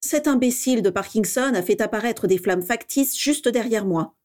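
A woman's voice: a little high, normal speed, a little mellow, natural voice. A woman doing a bitter middle-aged politician. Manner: bitter, rattled.

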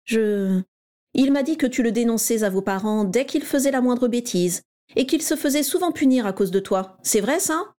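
A woman's voice: a little high, animated, moderate pace, dark tone, pitched above the performer's own voice, lightly acted. A woman voicing a cocky, mocking schoolboy who bullies a younger pupil, in a raised, taunting voice. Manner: taunting, showy.

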